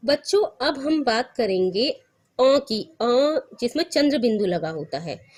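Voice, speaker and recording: A young woman teacher gives a recorded lesson for children. Her voice sits a little high, and she speaks patiently, repeating each point and asking the class questions as she goes. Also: expressive, unhurried, darkish tone, slightly rough. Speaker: school teacher.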